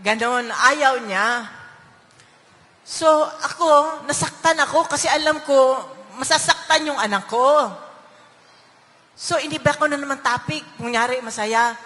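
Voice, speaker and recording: A middle-aged woman near tears, telling a family story in halting pieces to a rally crowd from a stage. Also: high-pitched, bright, forceful tone, in a large hall. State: on the verge of tears. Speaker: rally speaker. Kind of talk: emotional speech at a political rally.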